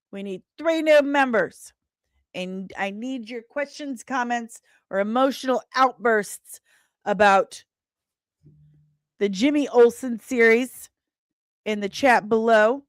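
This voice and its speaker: Playful and teasing, a livestream host chats casually about entertainment news, often saying phrases twice for emphasis. Her voice is a little high and smooth, and the recording is dry with studio quality.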